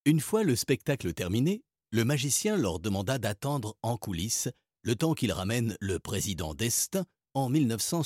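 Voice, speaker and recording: A man narrating a children's storybook in a lively, expressive way. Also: medium pitch, breathy edge, dry recording, clean studio sound. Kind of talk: storybook reading.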